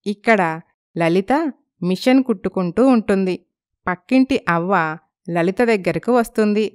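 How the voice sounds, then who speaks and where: A woman narrating a moral story, moving briskly through the plot. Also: medium pitch, darkish tone, clean tone. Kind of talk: storytelling narration with character voices.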